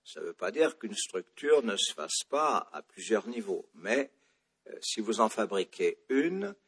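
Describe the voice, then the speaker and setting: A man's voice: on the low side, breathy edge. A man from France giving a classroom lecture on the psalms, digressive and full of fillers and restarts, with wry asides.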